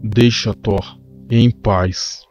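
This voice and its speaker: A man's voice: lowish voice, fairly even intonation, drawn-out words, darkish tone. A man voicing a raging monstrous male thunder god who talks of himself in the third person in broken, growling speech. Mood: savage. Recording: muffled lo-fi with faint music.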